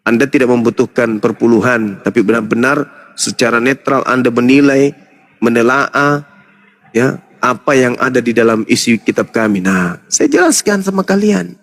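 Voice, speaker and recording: A man's voice: medium pitch, normal speed, fairly bright tone, big-room sound. A man debating heatedly over religion, lecturing in long repeated runs and mocking his opponent.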